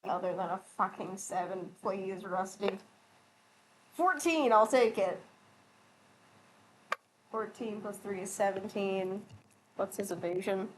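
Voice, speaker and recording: A woman running a tabletop game, talking casually and breaking into laughter often. Her pitch sits in a middle range for a woman. A faint noise hums under her voice. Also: slow pace, pauses often, low-quality recording. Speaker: game master.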